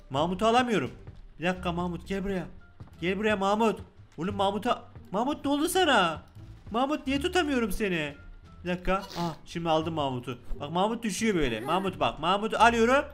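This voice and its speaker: A young man with a Turkish accent giving joking, excitable let's-play commentary, talking loudly to the game's baby. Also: high voice. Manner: loud, joking, excitable, talks to the game baby. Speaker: gaming YouTuber.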